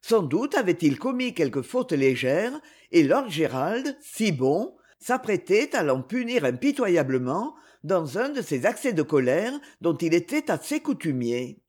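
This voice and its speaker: Expressive woman narrating a novel. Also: lowish voice, husky. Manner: measured, expressive reading. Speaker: audiobook narrator. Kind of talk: scripted narration.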